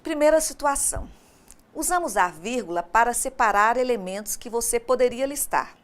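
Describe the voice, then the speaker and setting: Lively Brazilian woman teacher, higher voice. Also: normal speed. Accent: Brazilian Portuguese. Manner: expressive, playful storytelling, questions to the class. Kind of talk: recorded distance-learning lesson.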